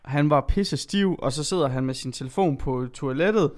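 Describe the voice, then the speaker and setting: A young man co-hosting a podcast, telling a story in a relaxed, chatty way. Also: fairly high pitch. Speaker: podcast co-host. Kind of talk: casual storytelling chat.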